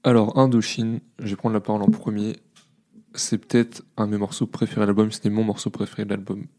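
Hesitant low-voiced male podcast host. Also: flat delivery, quick pace, mellow. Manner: hesitant, repeats himself when moved. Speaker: podcast co-host reviewing a rap album. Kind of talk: casual chat.

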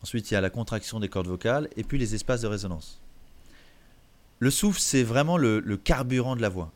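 A man, a voice coach, explaining vocal technique in an interview in an animated way, often restarting his sentences. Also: lowish voice, brisk.

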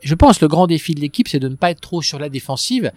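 A man's voice: fairly high pitch, lively intonation, fast talker, darkish tone, no echo. A man being interviewed about his career in business, talking in a conversational way and often repeating words and restarting his sentences. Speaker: guest, business executive.

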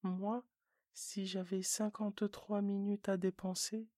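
A narrator voicing a gentle, curious little boy prince in a whispered role-play, hushed and slow. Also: mid-range voice, flat delivery, dry recording, studio quality, natural voice.

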